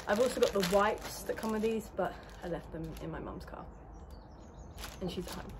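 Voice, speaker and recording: A young equestrian vlogger with a mid-range voice talks at a moderate pace, with background noise around her. She is upbeat and rambling in her casual vlog, shot on a phone held at arm's length outdoors at a stable yard and inside a horse lorry.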